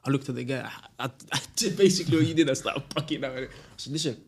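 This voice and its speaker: A man telling a story in a casual chat, animated and slangy. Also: medium pitch, fast, vocal fry.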